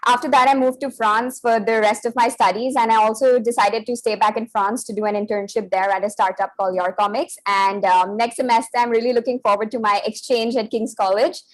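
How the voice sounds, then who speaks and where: A woman's voice: on the high side, steady tone, a little fast, few pauses, dry recording, low-quality recording. A woman in her twenties, originally from India, introducing herself as a student fluently, with small fillers. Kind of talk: self-introduction.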